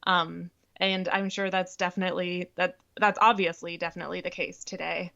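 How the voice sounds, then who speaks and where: A woman's voice: lowish voice, level tone, normal speed, creaky, fairly bright tone, lo-fi sound. A woman co-hosting a history podcast, making her points earnestly with some hesitations and restarts. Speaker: podcast co-host. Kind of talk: casual history discussion.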